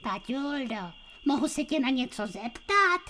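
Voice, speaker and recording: A cheeky little boy from a puppet radio play, his voice very high, bright and animated. He chatters and calls out, with a faint hiss and outdoor ambience behind. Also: exaggerated voice. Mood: skeptical. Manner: talks to himself, calls out.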